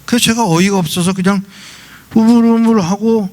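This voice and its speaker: A man's voice: high-pitched, fairly even intonation, normal speed, a little mellow. A male pastor preaching a sermon, telling a story and acting out the dialogue in quoted voices. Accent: Seoul Korean. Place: church sanctuary.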